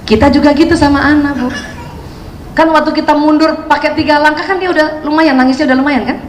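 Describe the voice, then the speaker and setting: A woman giving a lively, chatty talk on parenting to an audience of mothers and acting out scenes between mother and child. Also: sits high, fast talker, slight background noise. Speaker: parenting speaker. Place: hall with an audience. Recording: echoey hall, faint ambience.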